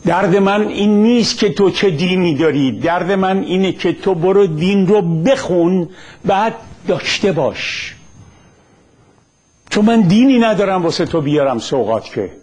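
Middle-aged man, Isfahani accent, husky voice, blunt emphatic lecture monologue. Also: lively intonation, a little mellow. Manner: blunt, emphatic, rising pitch on key phrases. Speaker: commentator on religion.

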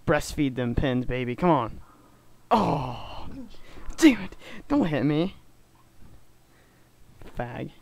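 A man's voice: on the high side, expressive, slow pace, creaky, pauses often, darkish tone. A teenage boy giving joking, laughing mock sportscaster commentary while friends play a video game at home. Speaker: player and commentator.

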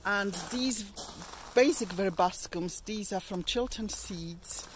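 A woman's voice: medium pitch, slow pace, background noise. A middle-aged woman giving a casual walking tour of her allotment garden outdoors, chatting in a meandering way with plenty of ums and restarts.

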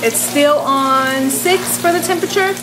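In her twenties, a young woman films a cooking vlog in her home kitchen, talking through each step to a handheld camera held close. Her voice is high-pitched and her pace measured, with a noisy background behind her.

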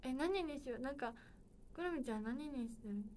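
A woman's voice: sits high, lively intonation, normal speed, a little mellow, slight background noise. A woman in her twenties hosting a solo livestream, chatting casually and playfully with viewers. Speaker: livestream host.

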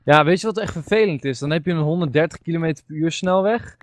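A man's voice: fairly high pitch, quick pace. A young man chatting casually while gaming, rambling through stories and laughing often. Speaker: gamer.

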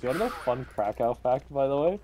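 A man's voice: medium pitch, lively intonation, fast talker, background noise. Rambling joking man on a voice call. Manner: rambling, joking, fond of silly put-on accents. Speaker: group member in a gaming voice chat. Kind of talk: casual chat.

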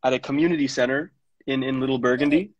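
In a steady, mid-range voice, the young producer from Montreal, Canada talks fast, spinning loose, slang-filled anecdotes with lots of fillers for a casual radio interview. Captured on a studio mic with no room sound, the recording comes across as a dull, lo-fi radio studio.

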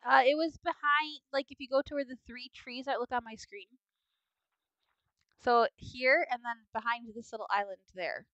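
A woman's voice: on the high side, steady tone, normal speed, sharp tone, no room sound, highs cut off. A young woman with a sniffly nose giving chatty, playful commentary on a video game at home, now and then breaking into bits of song. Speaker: gaming video host. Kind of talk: casual gameplay commentary.

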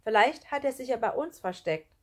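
A woman's voice: on the high side, animated, normal speed, pitched above the performer's own voice. A woman voicing a shy schoolboy in a children's storybook, speaking up in an earnest, defiant way. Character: timid schoolboy who turns bold.

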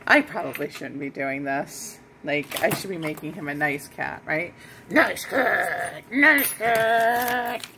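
A woman's voice: sits low, normal speed, few pauses, noisy background. A woman fostering a kitten, chatting casually to it on a phone camera at home, swearing freely and cooing at it. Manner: swears casually, coos and sings silly songs to the kitten. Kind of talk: casual vlog chat to a pet.

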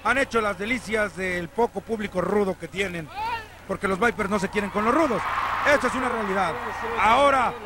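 A Mexican man doing excitable live wrestling commentary, exclaiming emphatically and repeating phrases for effect. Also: high voice, fairly quick. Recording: noisy 1990s TV arena broadcast.

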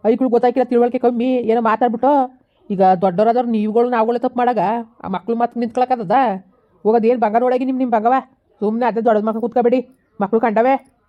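A village woman elder, acted by a woman gives quick, slightly high-pitched advice to settle a family squabble, with a rural Karnataka Kannada accent. She switches between soothing and scolding. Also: steady tone, muffled recording, lightly acted. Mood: calming.

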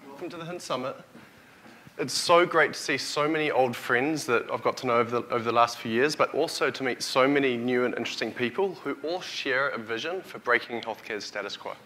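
A man in his thirties with a broad Kiwi accent speaks in a bright, forward voice at a medium pitch. He is delivering a keynote to a conference audience as a chief executive. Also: fairly quick. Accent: New Zealand. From New Zealand. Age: 30s. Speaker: company CEO, conference speaker. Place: hotel conference hall, on stage before an audience. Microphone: lapel or headset mic.

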